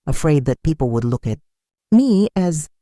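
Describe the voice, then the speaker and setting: An older woman telling a first-person story in a sombre, measured, wounded way. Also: sits low, big pitch swings, mellow, no echo, clean studio sound. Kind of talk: scripted first-person narration.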